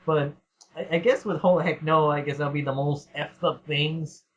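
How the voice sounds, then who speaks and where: The dull lo-fi recording captures a man with a fairly high, fairly bright voice and fairly even intonation, talking at normal speed. He hosts a laid-back podcast Q&A, rambling, laughing frequently and swearing as he reads listener questions.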